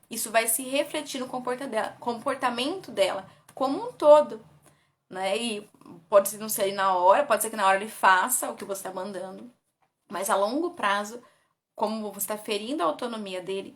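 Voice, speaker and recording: A woman's voice: medium pitch, a little fast. A woman with a Brazilian Portuguese accent, a parenting educator, giving tips in a casual, conversational way and often tagging her sentences with a question. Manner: conversational, often ends with "né?", reads from notes.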